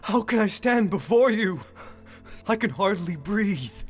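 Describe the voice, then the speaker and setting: Old prophet, male actor: devout, pleading stage delivery, fairly high voice, unhurried. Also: animated. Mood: awed, frightened. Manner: earnest, pleading. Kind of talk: projected stage drama acting. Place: theatre stage with cave set. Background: music.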